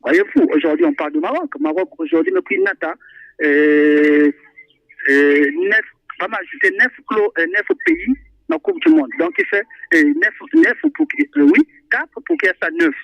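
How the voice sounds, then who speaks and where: Here a radio call-in listener, a man with a high-pitched, creaky voice, discusses football at normal speed. He's animated, repeats himself, and hesitates a lot. The tinny phone audio has no echo.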